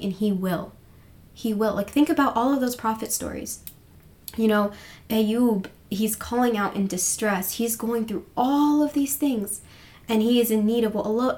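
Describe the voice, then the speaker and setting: A woman's voice: fairly high pitch, brisk, darkish tone. Heartfelt, encouraging woman podcast co-host. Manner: heartfelt, encouraging, repeats phrases for emphasis. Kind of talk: casual faith discussion podcast.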